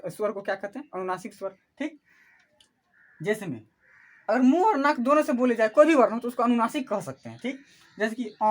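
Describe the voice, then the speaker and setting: A woman teaching an online class who asks questions and answers them herself, repeating each key term. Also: on the high side.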